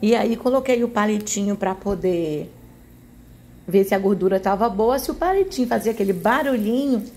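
A lively Brazilian woman voices a casual recipe video, her mid-range voice dark in tone and at normal speed. She chats in a homely way and keeps tacking on tag questions to check you agree.

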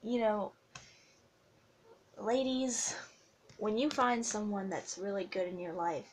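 A young woman talking to her viewers in an emotional confessional vlog, heartfelt and halting, close to tears. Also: medium pitch, fairly even intonation, a little hiss or hum. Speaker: vlogger.

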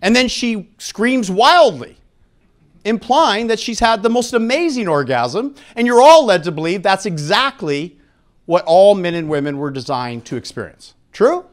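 Holding a microphone at an expo seminar, this middle-aged American man lectures the live crowd in a high, very animated voice. His delivery is blunt and emphatic, with dramatic pauses and questions thrown out to the audience.

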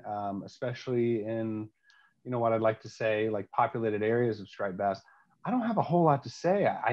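Young male co-host, mid-pitched, hesitant with lots of ums, on muffled video call audio. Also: darkish tone. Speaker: podcast co-host. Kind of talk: casual chat.

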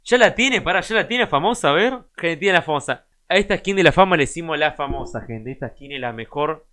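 A young man with a Rioplatense Spanish accent, giving excitable, casual gameplay commentary as a streamer and talking straight to his chat. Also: on the high side, brisk. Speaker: gaming streamer.

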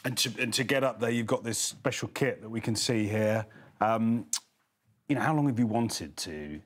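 A man co-presenting the news in a TV studio, introducing the guest and asking questions in a conversational way. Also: fairly low pitch. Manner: conversational, quick interjections.

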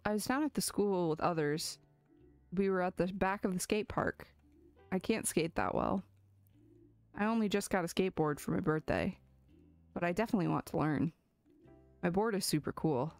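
A woman's voice: fairly low pitch, darkish tone, natural voice. Woman playing a chatty young pig girl. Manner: chatty, rambling.

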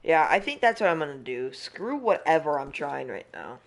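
A man's voice: on the high side, very animated, moderate pace, slight background noise. A young man streaming a hunting game, chatting casually and rambling with restarts and frustration. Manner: rambling, self-interrupting, frustrated. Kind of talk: casual live-stream chat.

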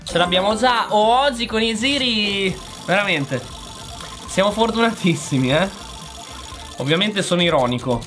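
A slightly hoarse man doing fast-moving gameplay commentary, his pitch jumping up and down as he exclaims and chats straight at his viewers. Faint game music plays softly behind him. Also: lively intonation. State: voice going hoarse. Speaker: gaming channel host.

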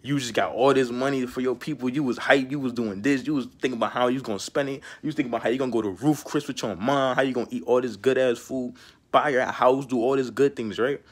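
Young male vlogger, mid-pitched, slangy and rambling; preachy street-wise advice delivered off the cuff. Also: fairly even intonation, fast talker, breathy edge. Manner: slangy and rambling, peppered with "bro" and "you know what I'm saying". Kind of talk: casual monologue to camera.

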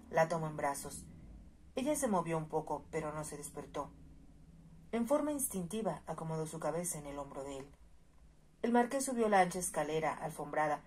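A woman narrating a romance novel chapter as a soft-spoken audiobook reading, in a measured, even storytelling manner. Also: low-pitched, slight background noise.

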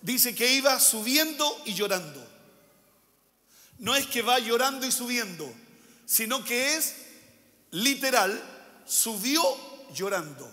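A male pastor delivers a sermon, circling back to key phrases and posing questions to the congregation. His voice sits high and sounds bright and forceful. The long reverb of a church hall trails behind every word. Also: big pitch swings, slow pace, long pauses. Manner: preaching with repeated phrases and rhetorical questions.

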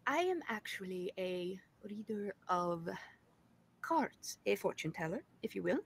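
A woman's voice: mid-range voice, sing-song, a little slow, a little hiss or hum. A woman role-plays a demure lady fortune teller at a tabletop game. She is courteous and formal, easily flustered, and picks her words hesitantly as she apologizes. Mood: polite, flustered.

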